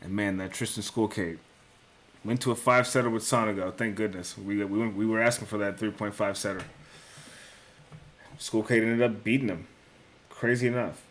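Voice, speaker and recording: A young sports betting picks host speaks in a fairly low, steady, slightly bright voice at normal speed, leaving long pauses, with slight background noise behind him. His solo talk is casual: he reasons aloud, corrects himself, swears occasionally, and says bro and dude.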